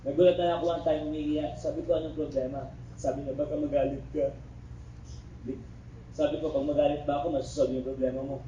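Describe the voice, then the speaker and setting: A middle-aged man from the Philippines leads a criminology review class, moving between terms and jokey asides. His voice sits a little high and carries through a reverberant classroom. It is picked up from a distance with a faint hiss underneath. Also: little pitch movement, fast, mellow, muffled recording. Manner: joking asides, keeps checking in with the class. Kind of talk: classroom lecture. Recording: echoey room recorded from far off, faint background noise.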